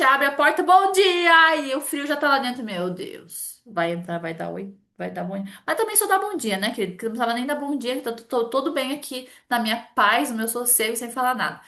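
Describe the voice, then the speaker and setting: A middle-aged therapist from talks in a casual, animated way, voicing small dialogues as she explains. Her voice sits a little high. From Brazil. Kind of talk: casual explanatory talk to camera.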